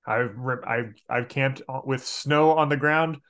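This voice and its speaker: Speaking unhurriedly with fairly even intonation, a man with a medium-pitched, fairly bright voice talks as a podcast guest. He's an Arkansas native, a game master and outdoor educator, and in this casual interview chat he explains things and corrects himself as he goes.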